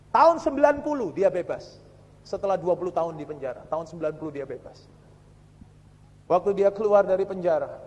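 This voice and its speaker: A male preacher with a lilt and a strikingly high voice. He preaches dramatically, dropping to a hush and then rising to a shout. The sound carries a long church-hall echo. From Indonesia. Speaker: pastor. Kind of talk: sermon. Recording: echoey church hall recording.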